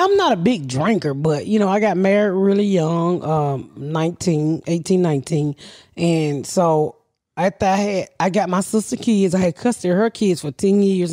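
A woman's voice: fairly low pitch, moderate pace, dark tone, dry recording, studio quality. A middle-aged woman hosting a podcast, telling rambling stories in a blunt, profane way, recorded on a handheld mic in a living room. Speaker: podcast host. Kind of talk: casual storytelling chat. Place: living room couch, indoors. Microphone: handheld mic with headphones.

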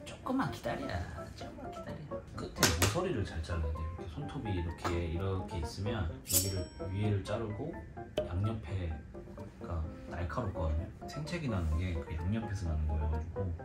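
Young father vlogger, very deep and lively voice, playful, echoey room with loud music. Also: fairly quick. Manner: playful, teasing with the baby. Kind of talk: casual vlog narration. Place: home indoors. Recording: roomy, with loud music behind.

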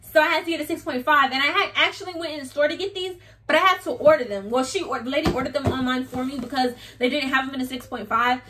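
Young woman, high bright voice, chatty haul vlogger acting out her stories, recorded a little off-mic. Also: quick pace, hardly any pauses, distant mic, noisy background. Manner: animated storytelling, acts out dialogue. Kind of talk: casual haul vlog chat.

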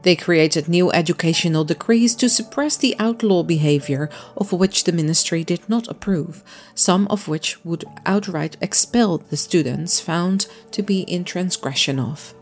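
A woman with a somewhat low voice narrates her own crafting vlog in a relaxed, chatty way, walking through each step of a miniature build. Soft music plays faintly underneath. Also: unhurried. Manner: friendly, chatty, explaining step by step. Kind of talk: casual voice-over narration.

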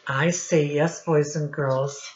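A middle-aged woman with a deep, steady voice reads a picture book to young children in a small room at home. Like a teacher, she addresses them directly, pausing to point things out and ask questions. The audio is dull, with a little hiss or hum.

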